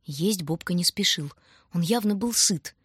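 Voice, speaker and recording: A woman narrating an audiobook in a measured, even storytelling manner. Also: fairly low pitch, breathy edge, no echo, studio quality.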